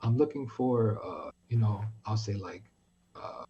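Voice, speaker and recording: On a podcast, a guest from New York tells a story in casual chat, swearing heavily and acting out the dialogue with animation. His fairly low voice moves a little slowly, and the muffled recording carries slight background noise.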